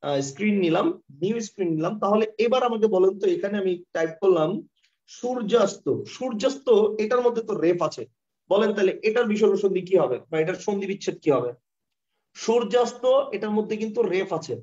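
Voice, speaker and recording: A man with a Bangladeshi Bengali accent teaching grammar in a live online class over a computer mic. He explains step by step, repeats himself and keeps asking students if the concept is clear. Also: high-pitched, animated, brisk, darkish tone. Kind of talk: live online lesson with screen share. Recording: dull, lo-fi online class audio.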